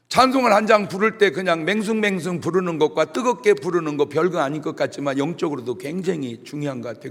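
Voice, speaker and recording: Middle-aged man, pastor, humorous sermon, lively swooping voice, long church reverb. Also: a little high, creaky. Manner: animated storytelling with jokes and shouted imitations. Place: church sanctuary.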